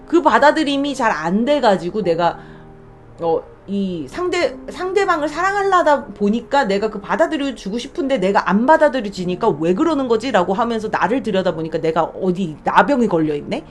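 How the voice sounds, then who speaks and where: Woman, podcast testimony host: earnest, very lively pitch, soft music under. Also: moderate pace. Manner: earnest, animated, talks to listeners directly. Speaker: church deaconess, podcast host. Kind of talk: faith testimony talk.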